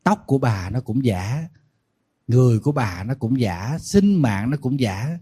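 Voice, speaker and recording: A Buddhist monk delivers a sermon as a string of lively stories, slipping into the voices of the people he describes. His voice is mellow and relaxed, and he sits in the middle of the range for a man. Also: medium pitch, a little slow, slightly rough. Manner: lively storytelling, animated quoting of others, folksy asides. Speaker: Buddhist monk giving a dharma talk.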